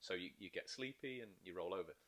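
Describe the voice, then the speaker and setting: A low-sitting, fast male voice belongs to a life coach chatting casually on a podcast. Eager and animated, he explains things in bursts while acting out inner voices in quotes.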